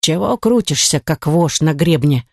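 Woman doing a gruff, shaggy house-spirit. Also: lively intonation, a little mellow, no room sound, studio quality, full character voice. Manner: gruff, rumbling, drawn-out mockery. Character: shaggy little male house spirit, grumpy and mocking.

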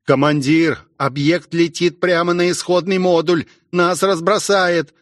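A man voicing a jittery, eager young male cosmonaut in an audiobook, with higher, strained, anxious questions. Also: fairly even intonation, measured pace, no echo, studio quality, lightly acted. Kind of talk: audiobook character voice.

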